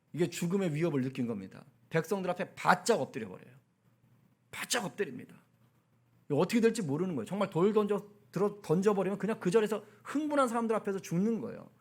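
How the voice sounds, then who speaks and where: Male pastor, high voice, animated and chatty sermon delivery. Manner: animated, conversational preaching with asides to the congregation.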